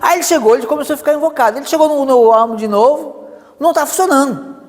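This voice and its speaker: A Brazilian man preaching a sermon, telling a story with lively asides. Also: very high voice, fast talker, in a large hall. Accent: Brazilian Portuguese. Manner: animated storytelling with many asides.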